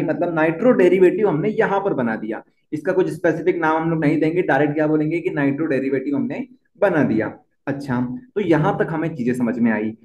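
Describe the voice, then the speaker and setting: A young man teaching a chemistry lesson, often repeating key points and asking the class questions. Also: fairly high pitch. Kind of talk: board-exam lesson at a whiteboard. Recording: dull, echoey room.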